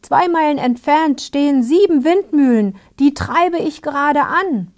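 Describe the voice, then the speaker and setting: A breezy storybook wind-blower, put on by a woman, pitched high and casual. It is a soft whispered role-play. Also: animated, measured pace. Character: male wind-blower sitting in a tree.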